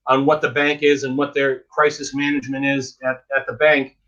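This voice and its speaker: A man's voice: medium pitch, flat delivery, normal speed, fairly bright tone, muffled recording. A dentist giving frank, emphatic advice in a casual interview, often repeating words as he talks.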